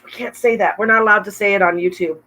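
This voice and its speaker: A woman co-hosting a casual livestream chat, bubbly and quick to laugh, with a bit of a cough. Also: medium pitch, fairly even intonation, pushed and bright, poor audio. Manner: bubbly, laughs often, chatty with viewers. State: coughing, throat trouble. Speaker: podcast co-host. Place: home room, livestream with wine.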